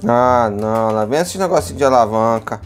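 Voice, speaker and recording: A man with a Brazilian accent giving casual, playful gameplay commentary alongside a child, excitable and given to high-pitched whoops. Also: fairly quick. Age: adult. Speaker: gaming video host playing alongside a child. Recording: music behind the voice.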